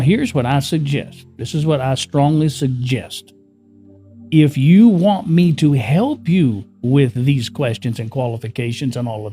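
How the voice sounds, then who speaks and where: A man with a mid-range voice and dark tone gives an unscripted spiritual teaching to camera, speaking casually. He often repeats himself, chuckles and poses rhetorical questions to the listener. He was born in the US Northeast and raised in California.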